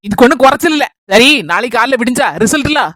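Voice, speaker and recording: A woman with a Kanyakumari Tamil accent performing a comic village skit. She scolds and nags with a sharp tongue. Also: high-pitched, fast, no room sound, studio quality.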